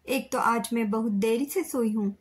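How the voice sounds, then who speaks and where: A woman's voice: a little high, normal speed, breathy edge. A woman voicing an older woman on the phone, talking snappishly in a raised voice. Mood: irritated. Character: older woman, irritable then tearful.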